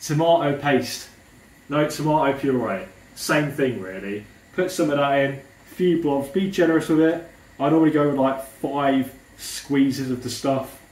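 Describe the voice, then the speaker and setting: A man's voice: mid-range voice, a little slow, a little mellow. A man who pronounces his R's like W's, chatting informally to viewers as he presents a home cooking tutorial. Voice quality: speech impediment, says w for r. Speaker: home cook presenting a recipe video. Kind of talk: casual cooking tutorial chat. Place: indoors in a kitchen. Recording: roomy, distant mic, faint background noise.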